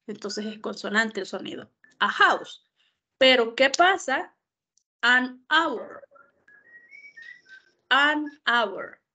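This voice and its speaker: A woman tutoring English online, explaining articles slowly and asking herself questions, a Spanish speaker. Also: fairly high pitch, pushed and bright. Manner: slow, explanatory, asks and answers her own questions. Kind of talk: online English grammar lesson.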